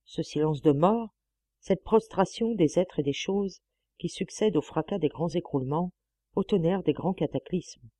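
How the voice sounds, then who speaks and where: A woman narrating a classic novel as an audiobook, with a measured, expressive reading on a close mic. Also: fairly low pitch, dry recording. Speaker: audiobook reader.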